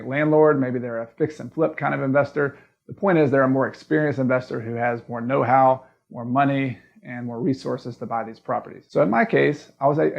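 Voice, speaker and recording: A man's voice: mid-range voice, creaky, muffled recording. A man with a Southern US accent giving a casual, plain-spoken video lesson, explaining step by step as the host. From American South. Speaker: real estate investing educator and video host.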